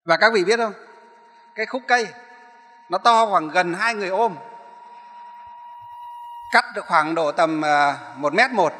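Bright-voiced monk telling a story. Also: male voice, sits high, measured pace, long pauses, a little hiss or hum. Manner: rambling, repeats and corrects himself. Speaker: Buddhist monk, abbot. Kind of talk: sermon storytelling. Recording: echoey hall.

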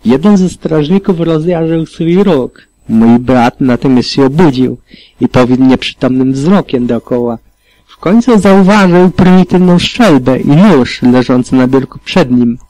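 Mężczyzna narrator czytający audiobook z przejęciem, w pierwszej osobie. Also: male voice, mid-range voice, lively intonation, unhurried, mellow, no echo, poor audio. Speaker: audiobook reader. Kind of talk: audiobook narration of fan fiction.

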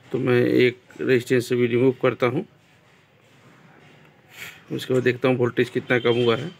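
A man with a Bihari Hindi accent calmly explaining a TV repair step by step in a small workshop, filmed on a phone. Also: mid-range voice, moderate pace, vocal fry, a little hiss or hum. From India. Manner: plain, step-by-step explaining, addresses viewers as friends. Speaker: TV repair technician. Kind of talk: repair tutorial narration.

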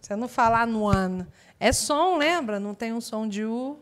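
A woman leads a live online English class. Her voice sits a little high, and she explains things in a chatty way with lively asides. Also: normal speed. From Brazil. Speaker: English teacher.

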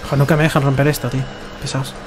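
A man's voice: mid-range voice, little pitch movement, very fast, noisy background. A young man from Spain with a Castilian accent, a foul-mouthed streamer casually commentating his game with friends. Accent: Spanish from Spain. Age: young adult. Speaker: gaming streamer. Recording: loud game music behind voice.

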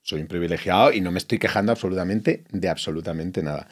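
Low-voiced Spanish man telling stories. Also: fast talker, breathy edge. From Spain. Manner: anecdotal storytelling, acts out quoted lines, frequent restarts. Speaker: actor guest. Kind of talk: casual interview chat.

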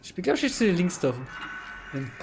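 Lively young male let's-player. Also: sits high, fairly quick, gravelly, over music. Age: young adult. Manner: thinking aloud, self-questioning. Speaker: let's play streamer. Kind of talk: casual gameplay commentary.

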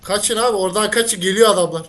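A man's voice: high voice, fast talker, a bit bright. A young man trading casual, slangy banter while playing a game with friends. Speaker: player in a group gaming video.

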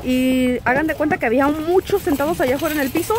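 A woman's voice: sits high, fast talker, noisy background. A young woman chatting casually in a vlog, mixing in English words now and then, filmed on a handheld phone. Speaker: vlogger. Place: Tucson, Arizona.

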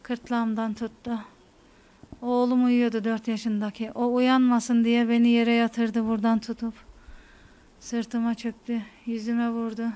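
A woman in her thirties from Turkey, giving a shaken, fearful testimony to a news camera in halting, repeating phrases. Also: fairly high pitch, completely flat delivery, dark tone. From Hatay, Turkey. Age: 30s. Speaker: interviewee.

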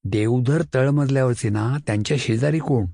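A man's voice: mid-range voice, normal speed, creaky, dark tone, no room sound, studio quality. A man voicing an earnest schoolboy friend who talks in a plain, conspiratorial way.

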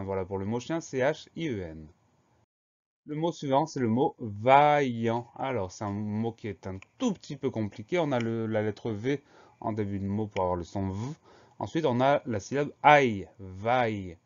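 A man teaching a spelling lesson, spelling words out letter by letter in a slow, careful way. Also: fairly low pitch, darkish tone, lo-fi sound.

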